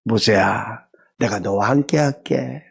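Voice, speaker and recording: A man voicing God as a calm, reassuring presence, speaking low and gentle. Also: fairly quick, vocal fry, breathy edge, heavily acted.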